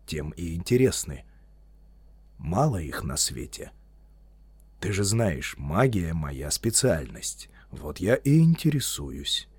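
A man reading an audiobook, voicing an old male wizard who speaks calmly and low, turning stern and commanding. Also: slightly rough, no room sound, exaggerated voice. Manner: calm, low, measured, then stern.

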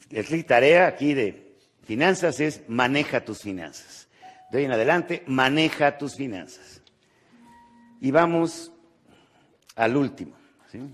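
Lively Mexican motivational speaker. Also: male voice, medium pitch, husky. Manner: animated, rhetorical, tags questions with ¿eh? and ¿sí?. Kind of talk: motivational lecture.

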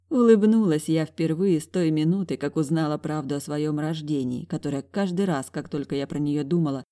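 Woman reading an audiobook, low warm voice, acts out the lines with lots of feeling. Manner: emotional, expressive line delivery. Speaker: audiobook narrator. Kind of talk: first-person audiobook narration with acted dialogue.

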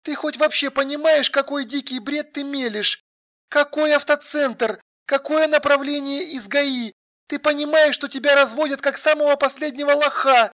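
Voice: high-pitched, moderate pace, voice pushed up. An audiobook reader voicing an exasperated adult woman on the phone, insistent and demanding. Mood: furious. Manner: insistent, sharp, then drained and flat. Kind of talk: audiobook dialogue.

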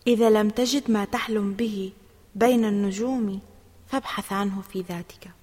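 A woman narrating a children's storybook in an expressive, steady reading voice. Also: medium pitch, normal speed, in a large hall.

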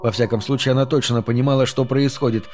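Calm male audiobook narrator. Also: mid-range voice, soft background music. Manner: calm, measured storytelling. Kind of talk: scripted narration.

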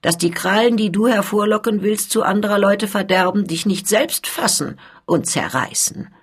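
A woman lends her voice to a sly, menacing older goldsmith in a literary reading. His persuasion is cold and quietly threatening. The voice sits at a middling pitch with a husky grain. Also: moderate pace, lightly acted.

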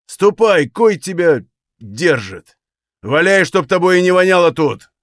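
A man's voice: mid-range voice, animated, normal speed, dry recording, clean studio sound, natural voice. A man voicing a grim, hot-tempered Cossack officer who speaks coldly and threateningly. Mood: furious. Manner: cold, harsh, threatening.

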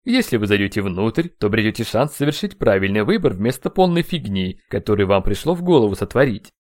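A shadowy male entity speaks in a low, booming voice laced with cloying sweetness, as a man reads him in an audiobook. He gives orders with mocking ease. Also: sing-song, fairly quick, a little mellow. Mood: sugary. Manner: sugary, mocking, commanding. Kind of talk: audiobook character voice.

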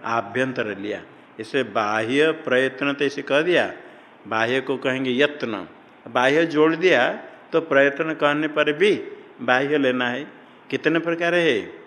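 Slow-talking man teaching in a reverberant hall. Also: medium pitch, a bit bright. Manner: asks students questions and answers them himself; chants grammar rules in a sing-song tone. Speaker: Sanskrit grammar teacher. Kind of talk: classroom lecture.

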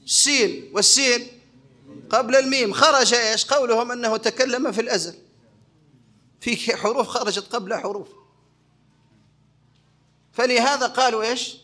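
A sheikh delivering a religious lesson in a notably high male voice. He keeps his listeners involved by throwing out questions and answering them himself, building each point in a teaching rhythm. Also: moderate pace, pauses often, bright, forceful tone. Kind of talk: religious lecture.

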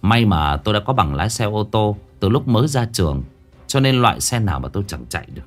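A man narrating a first-person story in a gruff, dramatic way. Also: lowish voice, sing-song, fast, soft background music. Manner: gruff and dramatic, acting out his own shouted lines.

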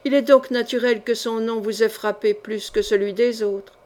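A jealous, ambitious duke pleads with fervent passion, as a woman reading an audiobook lends him her fairly high voice. His speech is ardent and intense, with no change into a deep male voice. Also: fairly even intonation, moderate pace, a little mellow, close to an everyday voice. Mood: grim.

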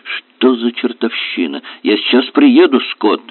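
A man's voice: mid-range voice, expressive, a little slow, no room sound. Concerned man on the phone, read by a male narrator. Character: wealthy man, woken from sleep, concerned. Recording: dry, tinny phone-like sound.

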